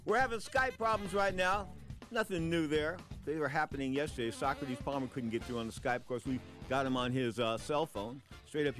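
A man's voice: mid-range voice, dry recording. A man hosting a sports talk show, giving punchy, opinionated boxing commentary in an emphatic way.

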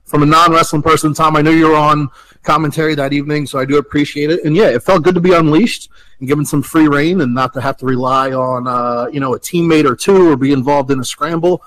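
A man in his late thirties, a professional wrestler, talking in a relaxed, chatty way as an interview guest. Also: a little high, fast talker, rough recording. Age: 30s. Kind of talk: casual interview talk.

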